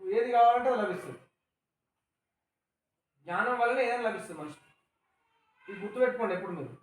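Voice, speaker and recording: A man's voice: high voice, animated, fast. A man with a Telangana Telugu accent teaching a class, patiently explaining words, asking questions and having pupils repeat after him. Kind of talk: classroom lesson with call-and-response. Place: school classroom. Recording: echoey classroom from far off.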